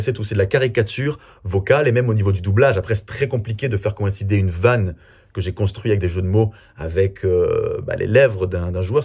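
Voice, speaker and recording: A man's voice: mid-range voice, a little mellow, husky. A man from France answering viewer questions in a casual, chatty and self-mocking way. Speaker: comedy video creator. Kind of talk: casual Q&A vlog.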